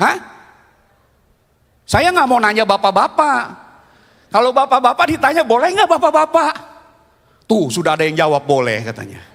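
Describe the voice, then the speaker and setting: A man in his fifties preaching a sermon as a pastor, telling stories with animated swings between loud and hushed. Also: fairly high pitch. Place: church. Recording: long reverb of a church hall.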